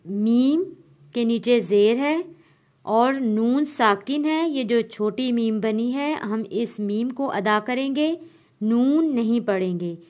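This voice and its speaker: Slow, clear high-voiced woman teaching. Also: a little mellow. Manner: spells out letters and vowel marks, then blends them; patient, explains rules in between. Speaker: Quran reading teacher. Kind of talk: slow letter-by-letter lesson.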